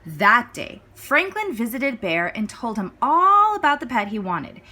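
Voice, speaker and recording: A woman reading a children's story aloud as scripted narration, with clear, expressive phrasing. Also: fairly high pitch, a little slow, slight background noise. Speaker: storybook reader.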